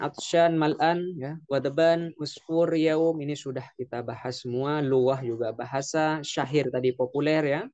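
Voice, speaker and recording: A man teaching an Arabic vocabulary lesson, explaining slowly and repeating words with frequent fillers. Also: medium pitch, a little mellow, no echo, lo-fi sound. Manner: slow, repetitive explaining with frequent "ya". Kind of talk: classroom lesson.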